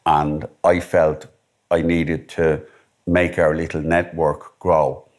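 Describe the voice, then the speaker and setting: A man's voice: rumbling low, flat delivery, slow pace, a little mellow. A middle-aged man from Ireland with an Irish accent, steadily recounting his married life in a personal testimony interview.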